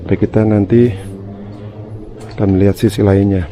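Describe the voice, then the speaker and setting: A man's voice: lowish voice, steady tone, normal speed, dark tone. A man narrating a casual exploration vlog to his viewers, talking in a hesitant, uneasy manner. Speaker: vlogger, channel host. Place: outdoors around an overgrown empty house. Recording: noisy outdoor handheld recording, ambient hum.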